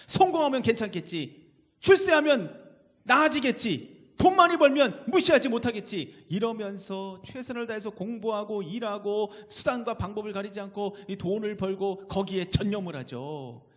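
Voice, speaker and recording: Pastor guy preaching, high voice that swoops all over, long church echo. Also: darkish tone. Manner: emphatic, asks the congregation questions. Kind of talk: sermon. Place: church sanctuary. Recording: long reverb in a church hall.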